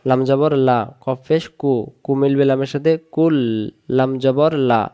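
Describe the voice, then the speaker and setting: A man teaching Quran reading, sounding out Arabic syllables one at a time and then joining them in a slow recitation lesson. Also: medium pitch, fairly even intonation, mellow, clean tone, highs cut off.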